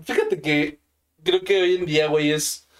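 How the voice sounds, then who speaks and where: Foul-mouthed Mexican guy, slightly high voice. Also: steady tone, moderate pace. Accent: Mexican Spanish. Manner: swears constantly, says "güey" nearly every line. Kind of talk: crude casual chat.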